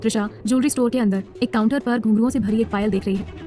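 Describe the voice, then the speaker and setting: A woman's voice: fairly high pitch, fairly even intonation, quick pace, warm tone, soft background music. A woman narrating a serialized romance story in a scripted storytelling style.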